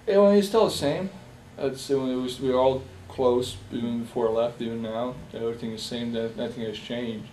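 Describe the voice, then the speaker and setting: Speaking in a personal interview, a young man from Bosnia often pauses on filler words and restarts what he's saying. His voice is mellow and low-key. The mic is some distance away, and the room is echoey with a faint hiss.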